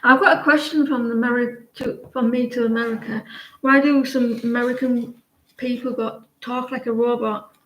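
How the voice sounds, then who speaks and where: A woman giving a casual live tarot reading, chatty and halting, often trailing off and restarting. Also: fairly high pitch, steady tone, a bit bright. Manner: chatty, halting, sings snatches of songs between readings. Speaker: tarot reader. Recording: echoey room, faint noise.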